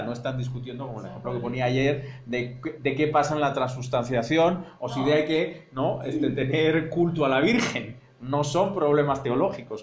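Here the Madrid-born lecturer has a medium-pitched voice, recorded in an echoey room with a little hiss or hum. Giving a university seminar in his Spanish accent, he explains things step by step, thinks aloud, and keeps asking "¿no?" to make sure the class follows.

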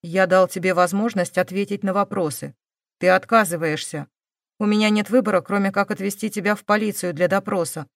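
A woman voicing a calm, stern male police investigator who presses with measured questions. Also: mid-range voice, creaky, no room sound, clean studio sound, close to an everyday voice.

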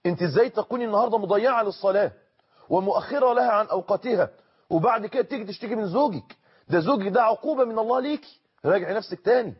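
High-voiced Egyptian preacher, husky, lo-fi. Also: male voice. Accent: Egyptian Arabic. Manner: earnest, repeats phrases for emphasis, slows for quotations. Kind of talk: Egyptian colloquial sermon.

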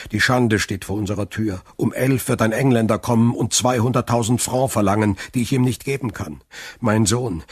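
A man voicing a desperate older shipowner father who speaks in a hurried, pleading way. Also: fairly low pitch, breathy edge, dry recording, studio quality. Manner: hurried, pleading, rising in distress.

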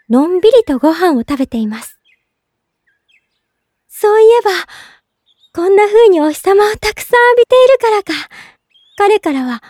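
For a drama CD, a woman narrates in character as a gentle, polite young woman in love, full of sweet earnestness. Her voice is very high, captured in clean, echo-free studio sound.

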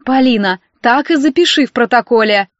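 Female narrator doing a nasty, loud, preachy lady inspector, brighter than the reader's own voice, dull dry recording. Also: a little high, fairly quick, no room sound, natural voice. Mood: scolding. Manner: scolding, sneering, loud. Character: spiteful middle-aged female welfare inspector. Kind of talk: audiobook character reading.

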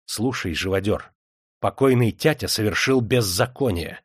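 A harsh, domineering young heir played by a man snarls his threats loudly. The voice sits higher than his narration and stays hard and menacing. The recording is dry and close. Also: moderate pace, slightly rough, no echo. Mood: furious.

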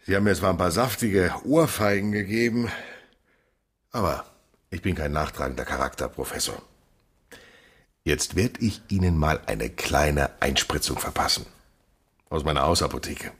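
A man's voice: low-pitched, moderate pace, long pauses, a bit bright, husky. An actor playing a chummy, blustery showman, colloquial, jovial and bossy, in old film style. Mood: jovial coaxing. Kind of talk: early sound film acting.

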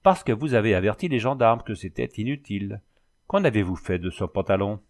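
A man's voice: fairly low pitch, lively intonation, fairly quick, lightly acted. A man voicing a stern, officious court president who questions the accused. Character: stern, nervous older male court president.

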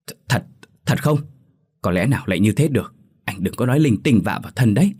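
A man voicing a doubting older village man who asks stammering, half-shouted questions. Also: fairly low pitch, expressive, quick pace, husky, pitched above the performer's own voice. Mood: disbelieving.

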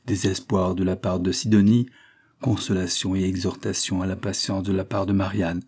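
Dark-voiced husky male narrator. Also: low voice, flat delivery, normal speed. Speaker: audiobook narrator. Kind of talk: scripted narration of a novel.

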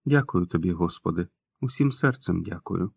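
A man reading an audiobook, voicing a devout 108-year-old woman who speaks in a soft, hoarse whisper. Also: lowish voice, expressive, moderate pace, dry recording. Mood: tearful thanks.

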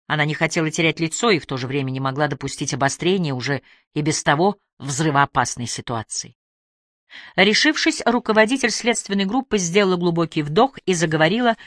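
A woman narrating an audiobook in a clear, expressive reading style. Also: deep voice, no echo, clean studio sound. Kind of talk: scripted narration.

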